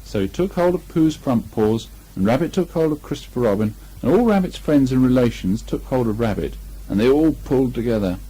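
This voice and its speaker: Mellow, husky male storyteller. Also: mid-range voice, animated, fairly quick, few pauses. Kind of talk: expressive children's storybook reading. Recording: muffled amateur 1980 home recording.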